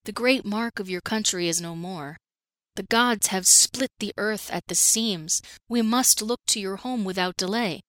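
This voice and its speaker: A woman reading aloud plays a loyal male companion from a storybook, speaking with commanding urgency. The voice sits at a middling pitch, close and dry with no room sound. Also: measured pace, fairly bright tone, no echo, natural voice. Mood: urgent.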